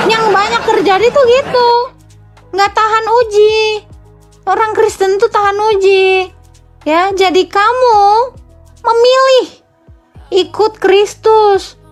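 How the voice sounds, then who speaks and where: Super high-pitched lady apologist scolding folks on a stream, faint music behind. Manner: scolding, blunt, addresses listeners as Pak and kau. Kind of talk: live-stream preaching and debate.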